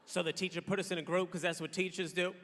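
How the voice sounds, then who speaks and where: A man's voice: high-pitched, level tone, quick pace, fairly bright tone, in a large hall. A man in his thirties doing a stand-up set, talking bluntly in a loose, irritated, conversational way. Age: 30s. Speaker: stand-up comedian. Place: large theater stage.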